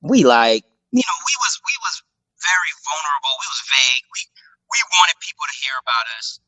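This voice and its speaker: Animated, bright, husky man telling stories. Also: fairly high pitch, fairly quick, no room sound, poor audio. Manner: animated storyteller using slang, acts out quotes. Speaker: singer being interviewed. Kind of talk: casual interview storytelling. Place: studio-style phone or video call.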